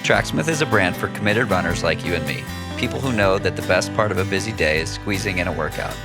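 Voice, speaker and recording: A low, gravelly male voice hosts a running podcast with loud music playing underneath. He reads scripted ad copy in a measured, even way. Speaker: podcast host.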